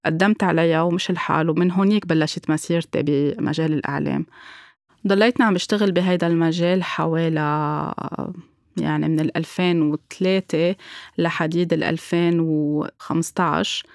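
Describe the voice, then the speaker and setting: A woman's voice: low-pitched, fairly even intonation, brisk, vocal fry, no room sound, clean studio sound. A woman with a Lebanese accent giving a candid, reflective personal testimony, sometimes mixing in English words.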